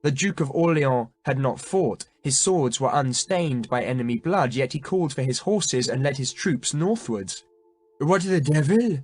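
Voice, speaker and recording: A man reading a historical novel aloud in measured, dramatic scripted narration. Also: mid-range voice, expressive. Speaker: audiobook narrator.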